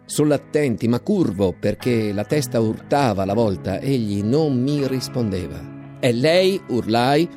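A man reading a novel aloud in a measured, dramatic storytelling style, recorded in a radio studio. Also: medium pitch, lively intonation, dark tone, soft background music. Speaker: reader of a novel. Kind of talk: scripted literary reading.

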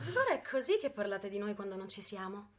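A woman's voice: medium pitch, big pitch swings, quick pace, fairly bright tone. An actress playing a cheeky, self-assured fifteen-year-old girl in a radio drama. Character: sharp-tongued fifteen-year-old girl, proud and witty.

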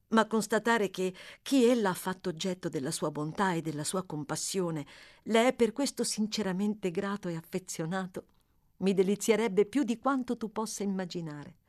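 A woman voicing a kind young lady who speaks softly and earnestly, close to her own voice. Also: mid-range voice, close to an everyday voice. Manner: soft, earnest.

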